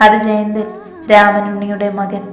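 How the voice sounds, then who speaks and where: A woman's voice: medium pitch, completely flat delivery, a little slow, lightly acted. Woman reading a protective young village hero. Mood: somber. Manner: tender toward his beloved, harsh toward foes. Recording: echoey room.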